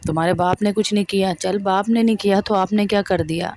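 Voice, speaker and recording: A woman's voice: medium pitch, fairly even intonation, a little mellow, slight background noise. A woman with a Pakistani Urdu accent giving a religious talk to women, emphatic and scolding, often asking her listeners questions. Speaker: preacher.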